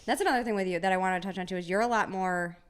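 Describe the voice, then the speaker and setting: A woman of thirty co-hosting a podcast, chatting casually and often pausing to search for words. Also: mid-range voice, clear, resonant tone. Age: 30s. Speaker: podcast co-host. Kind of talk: casual chat.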